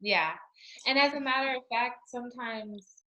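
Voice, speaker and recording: A woman's voice: a little high, unhurried, pushed and bright, roomy sound, poor audio. A woman from Utah, an author, talking candidly and reflectively in an interview, often saying "you know.". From Utah, United States. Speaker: author and guest. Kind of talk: conversational interview.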